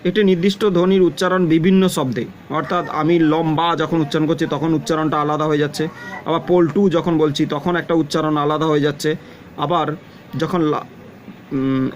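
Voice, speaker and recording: A man teaching a twelfth-grade grammar lesson, who explains slowly and says example words and definitions more than once. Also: fairly high pitch, dull audio, slight background noise. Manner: explains slowly, repeats example words and definitions, often tells students to look.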